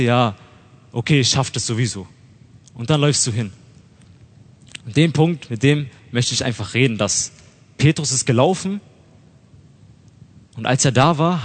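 A young man gives a relaxed sermon and talks to his listeners as if chatting with friends. He slips into slang and voices people's doubts aloud. His medium-pitched voice rings out with the long reverb of a hall. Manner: conversational, slangy, acts out inner thoughts. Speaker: lay preacher. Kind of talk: youthful casual sermon.

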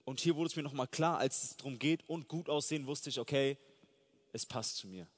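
A man's voice: medium pitch, fairly quick. A man preaching a sermon in an earnest, fervent way that builds to emphatic peaks. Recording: long hall reverb.

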